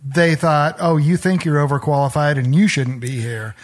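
A man hosting a casual interview, chiming in with quick agreement and curious questions. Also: fairly high pitch, fairly even intonation. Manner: affirming, quick backchannels. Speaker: podcast host.

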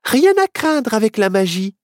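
A woman voicing a bold, boastful little girl witch in a storybook, with a high, excited, squealing voice. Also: a little slow, no room sound, clean studio sound.

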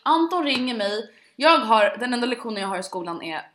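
A young woman telling funny stories in casual chat, acting out what people said and laughing often. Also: a little high. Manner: animated, acts out quotes, laughs often. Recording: echoey room.

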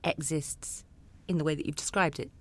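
A woman's voice: deep voice, steady tone, moderate pace, slightly rough. A woman hosting a panel discussion, asking probing questions and searching for words. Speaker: host.

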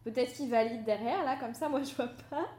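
A woman's voice: fairly high pitch, a little fast, a little mellow. A woman hosting a casual podcast interview, hesitant and thinking aloud with many fillers. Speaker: podcast host.

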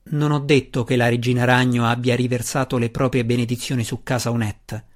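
A man reading the part of an old, withered and powerful dark elf matron mother, calm and commanding. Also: mid-range voice, a little fast, natural voice. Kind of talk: audiobook reading.

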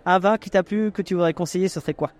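Jokey podcast host, fairly high voice. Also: male voice, fast. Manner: jokey, teasing, chatty. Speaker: podcast host interviewing guests. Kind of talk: casual vox-pop interview.

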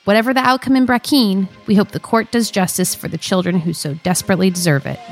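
A woman hosting a podcast who reads measured scripted narration and then slips into light, teasing chat. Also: mid-range voice, over music. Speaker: podcast host. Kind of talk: scripted narration and casual banter.

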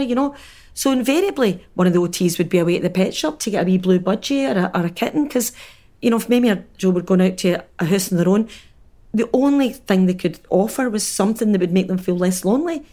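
A Scottish woman who works in drama and storytelling, telling anecdotes in an animated way during a casual conversation. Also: medium pitch.

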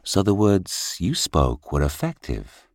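A man voicing a wise, patient royal minister who speaks quietly and firmly. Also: deep voice, wildly swooping pitch, slow pace, gravelly, no echo, studio quality, heavily acted. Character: wise calm older male royal minister.

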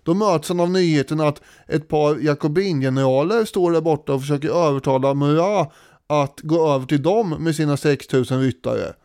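A man co-hosting a podcast, retelling history in a casual, animated way with many fillers. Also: on the high side, clean tone, dry recording, studio quality. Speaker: podcast co-host.

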